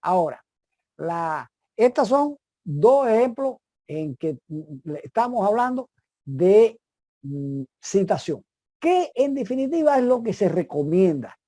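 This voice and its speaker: A woman's voice: medium pitch, sing-song, mellow, no echo. Woman lecturing online, dry close sound, keeps restarting her sentences. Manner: explanatory, with many restarts and pauses.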